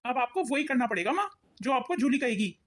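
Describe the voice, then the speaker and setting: A woman's voice: high voice, expressive, fairly quick. A woman voicing a grown son in a cartoon, coldly firm toward his mother. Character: cold grown son siding with wife. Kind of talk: cartoon voice acting.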